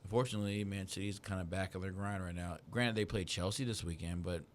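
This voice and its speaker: Low-voiced animated male soccer pundit. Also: fast, a little hiss or hum. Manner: animated, slangy, talks in restarts. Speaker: radio show co-host. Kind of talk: casual sports chat.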